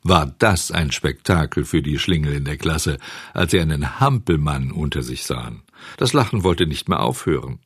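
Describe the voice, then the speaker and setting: A man reading a children's novel aloud as an audiobook narrator, measured and expressive. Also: rumbling low, husky, no room sound, clean studio sound.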